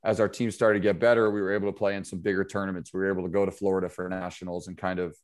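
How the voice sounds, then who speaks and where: Speaking fast in a deep voice, a basketball trainer from upstate New York chats as a podcast guest. His talk is relaxed and loose, heavy with fillers, the easygoing back-and-forth of a casual interview.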